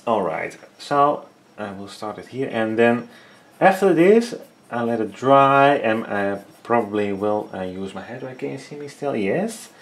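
A Dutch-accented man in his thirties, whose first languages are Dutch and Frisian, speaks English as his third language while painting. His mid-range voice is animated and measured, but he's hesitant, full of fillers and searching for words as he hosts a casual painting vlog in a small, echoey home studio.

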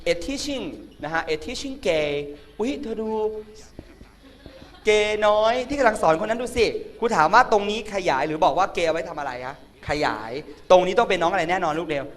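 A man's voice: high voice, animated, normal speed. A man teaching an English grammar class, flamboyant and teasing, chanting word lists for students to repeat. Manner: drills vocabulary in sing-song chants. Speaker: English tutor. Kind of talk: comedic classroom grammar lesson.

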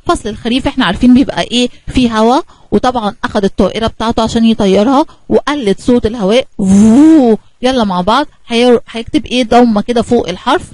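A woman with an Egyptian Arabic accent teaches small children, quick and bright, coaxing them with questions. Her voice sits a little high, and the close recording is dry with no room sound. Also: no room sound, rough recording. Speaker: kindergarten teacher. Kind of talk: children's lesson narration.

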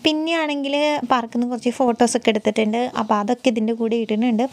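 A woman, a mother vlogging her day in a chatty way, trailing off with soft tag words and coaxing her little son in sing-song baby talk. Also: on the high side, rapid-fire, slight background noise. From Kerala, India. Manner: chatty, repeats soft tags like "kettoo". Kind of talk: casual vlog narration.

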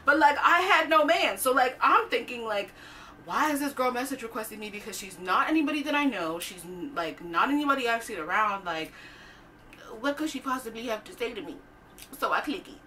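Young woman vlogger telling a story in an animated, profane, chatty way, with a bright tone, recorded off-mic over faint noise. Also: a little high, fairly quick, distant mic. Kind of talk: storytime vlog.

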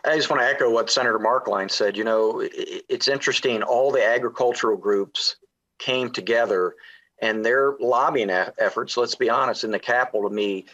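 A middle-aged man speaking as a state representative on a panel over a video call, talking briskly and conversationally, repeating words. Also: medium pitch, a bit bright, lo-fi sound. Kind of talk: panel discussion answer.

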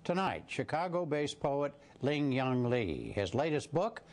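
A man's voice: medium pitch, sing-song, measured pace, darkish tone. A man presenting a broadcast news segment in an announcing tone. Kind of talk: broadcast introduction.

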